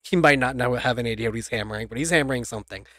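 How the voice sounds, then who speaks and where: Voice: medium pitch, very fast, fairly bright tone, dry recording. Giggly game master on a dry mic. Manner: giggly, laughs often between lines. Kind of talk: casual tabletop game narration. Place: home streaming setup.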